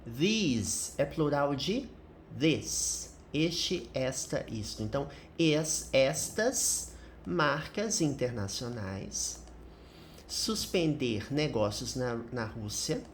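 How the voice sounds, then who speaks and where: A woman's voice: extremely low pitch, animated, extremely slow, a little hiss or hum. A middle-aged woman with a Brazilian Portuguese accent teaching English through a commented reading, explaining each point and often ending with a tag question.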